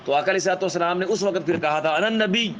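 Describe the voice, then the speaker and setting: A male scholar tells history as a lesson in with a tinge. His voice sits a little high for a man, and his delivery is measured. He keeps checking in with his listeners and acts out the quoted speech vividly, over a faint background hum. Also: steady tone, low-quality recording. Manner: measured, keeps adding a checking "alright?" tag. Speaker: Islamic scholar lecturer. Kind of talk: storytelling religious lecture.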